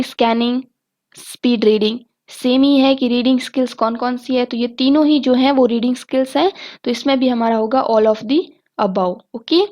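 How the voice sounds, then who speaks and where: A woman teacher with a Hindi accent reads exam questions and options aloud, then explains each answer. Her voice sits high, and she keeps dropping "okay" and "theek hai" between points. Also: darkish tone. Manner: often says "ठीक है" and "okay" as fillers. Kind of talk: exam prep lesson, reading out multiple-choice questions.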